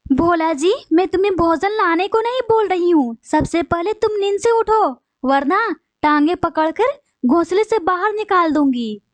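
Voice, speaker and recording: A woman's voice: very high voice, animated, unhurried, no echo. A woman voicing a bossy wife bird in a cartoon, scolding and threatening her husband.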